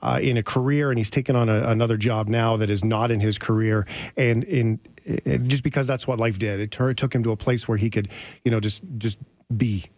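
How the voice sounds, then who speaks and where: A man's voice: on the low side, fairly even intonation, fairly quick, darkish tone, dry recording. A man hosting an interview podcast, telling anecdotes in a rambling, casual way with easy laughs. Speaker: podcast host. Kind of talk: casual storytelling.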